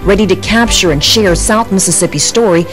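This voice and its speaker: A woman reporter narrating a feature story in a steady, scripted news voice. Loud music plays under her throughout. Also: mid-range voice, fairly quick.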